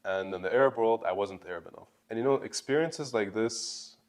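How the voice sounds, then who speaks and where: A man's voice: lowish voice, fairly quick. A man in his twenties from Bulgaria, hosting his own channel and telling a personal story to camera in a candid, earnest way. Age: 20s. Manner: earnest, candid, lively emphasis on key words. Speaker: YouTube channel host.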